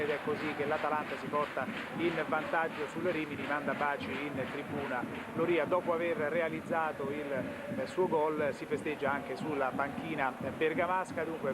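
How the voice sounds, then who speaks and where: A man working as a football commentator, giving live goal updates and describing replays. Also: fairly high pitch. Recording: loud outdoor stadium noise.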